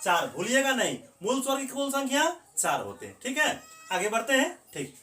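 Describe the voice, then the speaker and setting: A man's voice: very high voice, huge pitch swings, normal speed, sharp tone, faint music behind. A man teaching a grammar lesson, who asks the class questions and then answers them himself. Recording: echoey room, voice from a distance.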